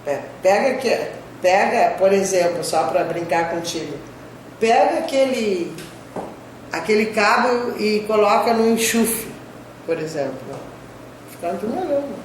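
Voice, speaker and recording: With a mid-range voice, lively intonation, and an unhurried delivery, an older woman professor from the southern Brazilian border recounts her career for an interviewer. Her Gaúcho accent mixes in Spanish terms, and "né?" tags recur through her conversational storytelling. Echo from the room, clear background noise, and a distant mic mark the recording.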